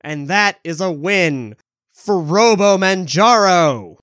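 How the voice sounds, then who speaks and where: A man narrating and running a tabletop role-playing game in a relaxed, conversational way. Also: sits high, no echo, studio quality. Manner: relaxed, conversational narration with quick voiced asides. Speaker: game master.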